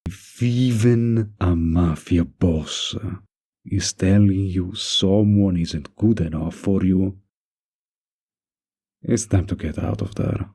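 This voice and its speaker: This man's mafia boss in an intimate roleplay mixes menace with kindness, his gravelly, husky voice low-pitched and warm. He takes his time, teasing lightly and flirting. The heavily acted delivery comes across as firm and reassuring.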